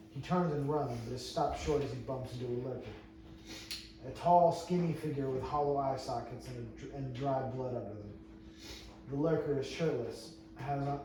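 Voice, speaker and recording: A man with a mid-range voice reads stage directions as narrator during an amateur table read of a screenplay, speaking plainly but tripping over and repeating phrases. He's in an indoor room alongside a few other readers, captured noisily on a distant mic with lots of echo.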